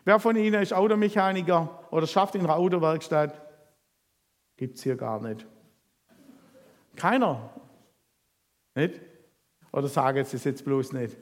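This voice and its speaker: Male preacher, slightly high voice, lively storytelling sermon, long hall reverb. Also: measured pace, long pauses. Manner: lively storytelling, asks the congregation questions. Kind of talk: sermon reading and retelling scripture.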